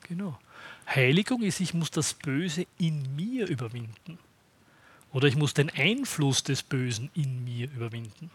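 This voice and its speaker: A man preaching a sermon to his congregation in a conversational way, often pausing to ask "Ja?". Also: a little high, expressive, husky. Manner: conversational, checks in with the congregation by asking "Ja?".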